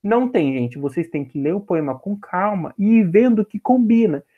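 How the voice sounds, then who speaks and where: High-voiced man teaching a literature class. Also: lively intonation, narrow, tinny audio. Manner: patient, explanatory, checks in with "tá?"; reads verses slowly, stretching syllables. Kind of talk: online class lecture.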